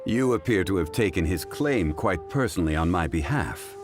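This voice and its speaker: Courteous game sage: low, measured and eloquent, composed yet richly inflected. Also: male voice, lively intonation, music in the background. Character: Zhongli, calm, refined, scholarly gentleman consultant. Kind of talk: video game character acting.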